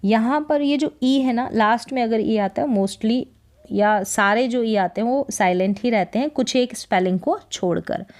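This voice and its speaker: Unhurried woman teacher going over english words one by one, says each a few times, asks what it is. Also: fairly high pitch, a little mellow. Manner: patient, repeats each word and asks "kya hai?". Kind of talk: slow Hindi-medium spelling lesson.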